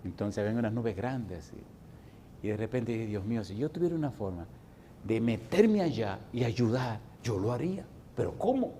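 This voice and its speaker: A Dominican man in his sixties preaching a sermon, swinging from loud exhortation to hushed, folksy storytelling. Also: mid-range voice, big pitch swings, normal speed, slight background noise. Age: 60s. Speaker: pastor.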